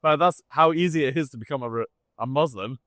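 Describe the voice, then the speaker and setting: A man's voice: mid-range voice, quick pace, fairly bright tone, no room sound, studio quality. A man who grew up in Scotland, speaking with a posh English accent, talking bluntly and provocatively as an interview guest. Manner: blunt, provocative, laughs at own jokes. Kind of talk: casual interview talk.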